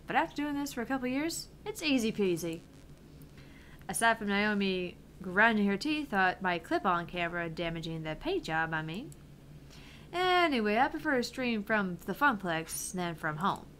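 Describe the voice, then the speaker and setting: In a visual novel, a woman with a sing-song, fairly bright mid-range voice plays a brash, cocky, foul-mouthed game streamer, speaking at normal speed. Her delivery is taunting, theatrical, boastful and eager, over a little hiss or hum.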